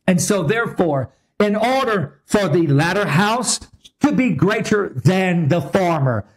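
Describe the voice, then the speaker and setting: A man's voice: high voice, animated, measured pace. A man preaching a sermon as pastor, emphatic and repetitive in his delivery.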